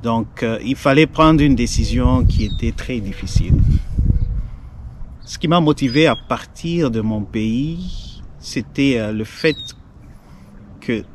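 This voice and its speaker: A Congolese man in his forties, a doctor, talking in a measured, hesitant way as an interview guest. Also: mid-range voice, background noise. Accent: Congolese French. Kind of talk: casual interview.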